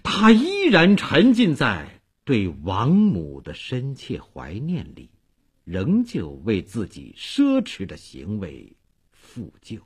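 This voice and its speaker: A man's voice: fairly low pitch, wildly swooping pitch, slow, husky. A man narrating a historical tale in a traditional oral storytelling style, with dramatic, emotive delivery.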